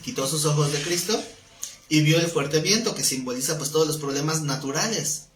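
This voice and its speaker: Over music, a man with a fairly high voice speaks fairly quickly while leading a Bible class on a live stream. He keeps it conversational and frequently asks his audience questions. The sound is roomy with a faint noise floor.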